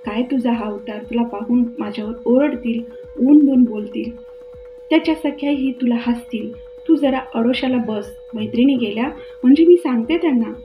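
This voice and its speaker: A woman's voice: a little high, normal speed, highs cut off, over music, close to an everyday voice. Woman doing an anxious young housemaid. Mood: worried.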